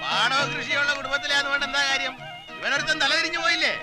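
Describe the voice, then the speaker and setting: A scornful older patriarch. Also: male voice, very high-pitched, fast, over music, low-quality recording. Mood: grumbling. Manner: gruff, scornful and sarcastic. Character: stern, scolding older father of a big family. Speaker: family patriarch. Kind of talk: film comedy acting.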